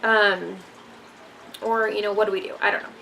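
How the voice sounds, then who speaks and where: Young mom rambling frankly, slightly gravelly. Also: female voice, mid-range voice, flat delivery, moderate pace, sharp tone, slight background noise, low-quality recording. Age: young adult. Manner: rambling, frank, many ums. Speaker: vlogger, mother of three. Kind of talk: casual parenting talk to camera.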